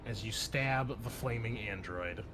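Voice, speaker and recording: A man with a voice on the low side runs a tabletop roleplaying game as game master, unhurriedly improvising action and rulings while thinking aloud in a casual, profane manner. Loud music plays behind him.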